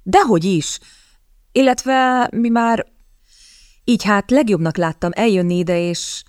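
A woman reading the part of a sulky, cowardly young gentleman who whines and stammers. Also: mid-range voice, no room sound, studio quality, pitched above the performer's own voice, natural voice. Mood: flustered. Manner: whiny, stammering.

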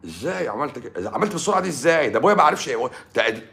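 An Egyptian man, a doctor, lecturing emphatically on a live stream and swinging between loud and hushed speech. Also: medium pitch, big pitch swings, racing, gravelly. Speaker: doctor giving advice.

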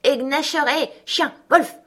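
A woman reading aloud voices a grumbling old male farm servant in a storybook reading, with shrill, whining cries. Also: slow, fairly bright tone. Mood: alarmed.

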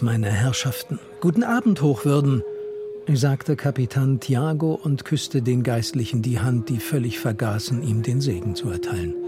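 A man reading a novel passage aloud in a measured, even storytelling manner for radio. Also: medium pitch. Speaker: reader. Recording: music playing under the voice.

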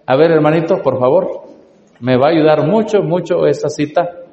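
A man lectures a live church audience, earnest and urging as he addresses them directly. His voice sits a bit high but sounds mellow and soft-edged. The sound rings around a large hall, with a long tail of reverb. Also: moderate pace, lo-fi sound. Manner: earnest, urging, talks straight to listeners.

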